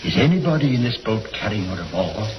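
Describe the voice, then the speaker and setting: A sardonic gentleman doctor in 1940s radio drama style, with a lively, swooping delivery. He is formal, pointedly polite and suspicious. The sound is distant and very noisy. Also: fairly low pitch, fast, dull audio.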